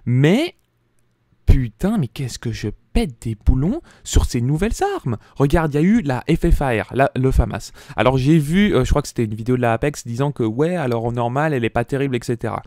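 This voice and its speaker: A man's voice: lively intonation, fairly quick, dry recording, studio quality. A young man, a gaming YouTuber delivering an angry, swearing rant over gameplay on a desk mic. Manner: furious, swearing, pitch jumping up when shouting.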